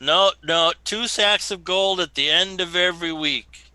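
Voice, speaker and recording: A man voicing a gruff, blunt giant cyclops guard who bargains stubbornly in a tabletop game. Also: sits high, unhurried, sharp tone, full character voice, rough recording. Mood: stubborn haggling.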